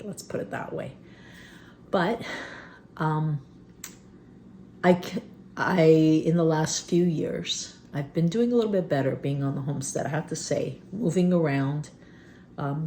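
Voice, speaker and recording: A woman in her fifties rambles candidly to the camera in an unscripted personal vlog from a rural homestead, with lots of fillers and pauses. Her voice is low, gravelly, phlegmy and slightly mellow, and she clears her throat often. A faint hiss runs beneath the recording.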